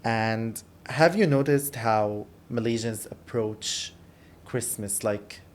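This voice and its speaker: A man hosting a podcast, putting friendly questions to a guest in a relaxed interview. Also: fairly low pitch, slow pace. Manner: friendly, question-led, occasional restarts. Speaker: podcast host. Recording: faint background noise in a studio.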